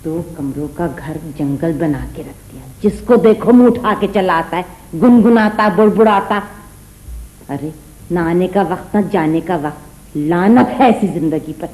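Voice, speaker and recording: An actress playing a sharp-tongued middle-aged wife and mother, sarcastic and scolding, in a comic stage play. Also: fairly low pitch, lively intonation, unhurried, low-quality recording.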